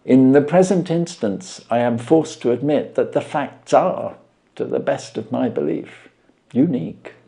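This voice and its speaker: A man voicing a self-assured gentleman detective in an audiobook, formal, courteous and emphatically articulate. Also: medium pitch, a little slow, vocal fry, voice pushed up. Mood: animated, lecturing. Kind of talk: audiobook character reading.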